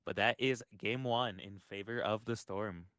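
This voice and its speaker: A man's voice: fairly low pitch, a bit bright, clear, resonant tone, no echo. A man casting a live esports match, calling plays and breaking down fights. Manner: quick play-by-play, analytical. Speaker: esports caster.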